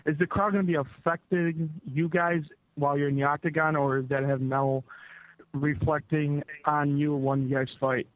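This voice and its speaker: A man's voice: fairly high pitch, level tone, moderate pace, dry recording. A man working as a reporter, putting questions to guests on a media conference call over the phone. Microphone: telephone. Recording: dry, narrow phone line.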